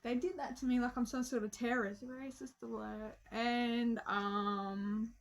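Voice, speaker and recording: A woman's voice: fairly high pitch, steady tone, measured pace, a little hiss or hum, rough recording. Slangy, swearing young woman telling a story. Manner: slangy, profane, joking, says "bro" a lot. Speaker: vlogger. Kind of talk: casual storytelling.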